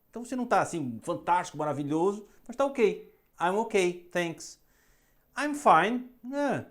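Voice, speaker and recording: Brazilian woman teaching English phrases. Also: medium pitch. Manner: repeats phrases slowly for students to echo. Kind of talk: bilingual English lesson.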